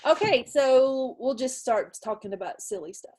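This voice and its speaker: A woman hosting a casual group video call, unhurried and friendly, laughing often. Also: high voice, animated, darkish tone. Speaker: meeting host.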